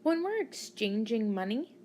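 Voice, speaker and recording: A woman teacher narrating a maths lesson for children, deliberately teaching a child to count and putting questions to the listener. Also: fairly high pitch, sing-song, a little mellow, slight background noise. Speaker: primary school maths teacher.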